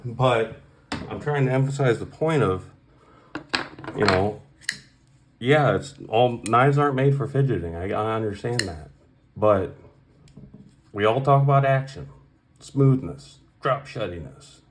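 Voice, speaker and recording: A man's voice: fairly low pitch, animated, measured pace, pauses often, noisy background. A man ranting casually on his vlog, blunt and profane, heated and repeating points for emphasis. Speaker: knife collector vlogger. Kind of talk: casual opinionated rant.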